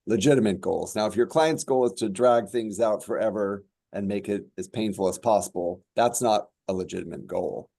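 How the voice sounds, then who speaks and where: A man who is a judge, speaking on a panel in a measured, halting way with many fillers. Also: on the low side, gravelly, mellow, dry recording. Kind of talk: panel discussion remarks.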